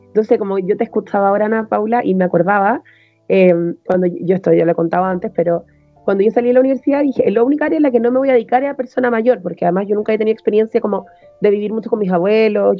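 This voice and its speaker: A woman with a medium-pitched voice hosts an interview, chatting fluently and conversationally and dropping in colloquial fillers. The recording is dry, with a narrow, tinny sound.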